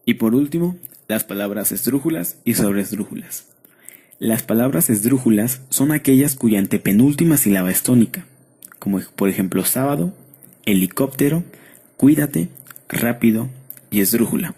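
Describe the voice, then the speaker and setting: Mexican man, steady reader, husky and dark, for a school lesson voice-over. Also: medium pitch. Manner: steady, measured reading of rules and word lists. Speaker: student presenter. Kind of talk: read-aloud lesson narration.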